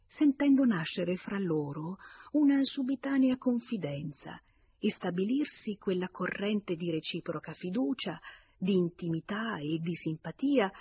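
A woman narrating a classic novel in a steady, measured reading voice. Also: lowish voice, slight background noise. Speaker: audiobook narrator. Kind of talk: scripted narration.

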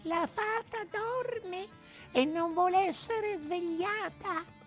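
A woman voicing a placid, unhurried female snail with a slow, drawn-out, calm delivery. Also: very high-pitched, soft background music.

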